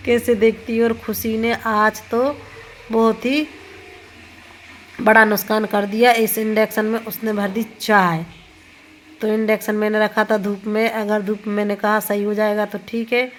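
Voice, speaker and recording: A woman in her thirties talks through her day in a rambling, chatty way, with a slightly high voice that stays fairly even in pitch. Her throat is sore, and she keeps correcting her own slips. Faint household ambience sits behind her. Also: slight background noise. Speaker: vlogger. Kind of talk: casual home vlog narration. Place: home kitchen and rooftop.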